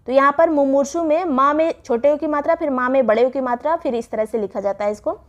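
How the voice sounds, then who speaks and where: A woman teaching an exam-prep Hindi spelling lesson. She explains each word slowly and repeats the right and wrong forms. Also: sits high, dull audio.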